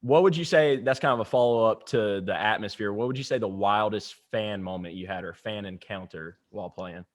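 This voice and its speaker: A man's voice: lowish voice, brisk, hardly any pauses. A man hosting a casual podcast interview, easygoing and loose, swearing freely and acting out little quotes. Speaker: podcast host.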